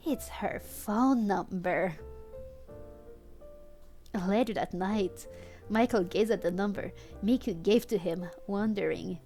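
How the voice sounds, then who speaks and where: Here the fan-fiction reader speaks in a warm mid-range voice, taking it slowly with frequent pauses over faint background music. It's a comedic live stream where she keeps dissolving into giggles and turning to address her audience.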